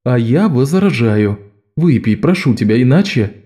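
A man's voice: medium pitch, animated, a little slow, warm tone, close to an everyday voice. A man voicing Jean, a blunt, protective adult male thief, firm and commanding. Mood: stern.

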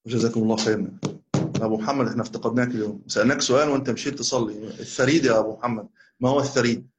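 A man's voice: medium pitch, steady tone, background noise. A man teaching a religious text to a class, joking casually with his students. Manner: fast, casual banter with students after formal recitation. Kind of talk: lecture on a creed text.

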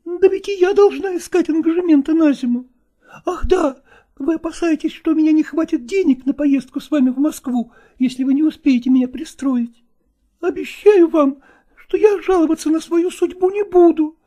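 A woman's voice: high voice, moderate pace, dark tone, close to an everyday voice. A woman voicing a stubborn young novice actress in an audiobook drama, insistent and pleading.

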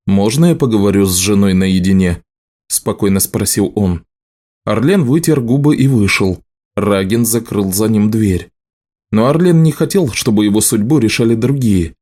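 A man narrating an audiobook in a measured, even reading voice. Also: lowish voice. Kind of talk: scripted narration.

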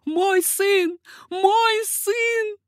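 A woman's voice: very high-pitched, fairly even intonation, extremely slow, dry recording, clean studio sound, pitched above the performer's own voice, heavily acted. A woman reading an audiobook, voicing an old mother who pleads desperately for her son. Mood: anguished.

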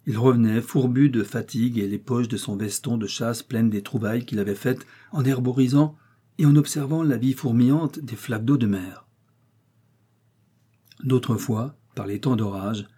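A man reading a novel aloud, with steady, measured narration. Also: mid-range voice, breathy edge. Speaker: reader.

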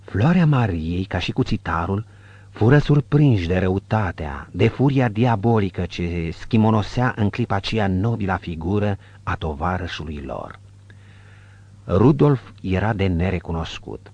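A man reads an audiobook in a measured, descriptive way. His voice is low and husky. The recording is dry and somewhat muffled. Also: lively intonation, a little mellow, no room sound. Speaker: audiobook narrator. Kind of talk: scripted narration.

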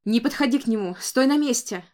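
Woman playing a shrill, panicky old grandmother. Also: fairly quick, natural voice. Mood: panicked. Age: older. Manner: high, loud, agitated. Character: anxious noble grandmother, quick to panic.

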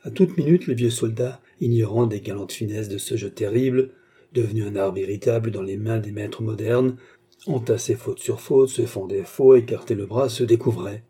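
A man narrating a classic novel aloud in a steady, measured way. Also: lowish voice, slightly rough. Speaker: audiobook narrator.

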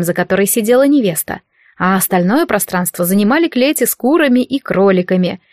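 A woman narrating a fantasy novel as an audiobook, reading in a steady, even storytelling manner. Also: mid-range voice, no echo, clean studio sound. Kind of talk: scripted narration.

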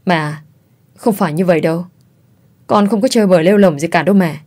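A woman's voice: lowish voice, fairly quick, a little mellow, close to an everyday voice. A woman voicing a pleading young husband in debt. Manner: pleading, defensive.

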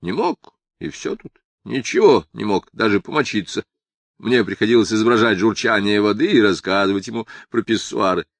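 A man's voice: lowish voice, expressive, normal speed, creaky, dry recording. A man reading an audiobook and voicing a languid young woman in a drawling, lazy, teasing manner. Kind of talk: audiobook character voice.

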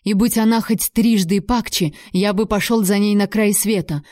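A proud young warrior, cold and menacing, each word measured and heavy, as a woman narrator reads him. The tone is dark and mellow. The recording is dry and close, with no room around it. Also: medium pitch, steady tone, no room sound, lightly acted. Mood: cold menace.

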